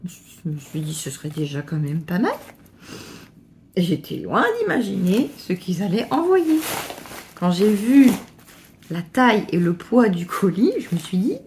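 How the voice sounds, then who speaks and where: A middle-aged woman gushing excitedly as she unboxes a craft parcel, with stumbling restarts. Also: fairly low pitch, a little slow, a little hiss or hum. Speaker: crafting vlogger. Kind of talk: casual unboxing chat.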